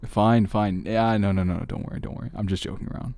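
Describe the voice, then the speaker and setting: In an intimate ASMR roleplay, a man plays a confident, flirtatious big brother with a deep, dark voice and crackly fry. He teases in a familiar way, as if close by, with fairly even intonation and a natural voice, no echo. The mood is flirtatious and reassuring.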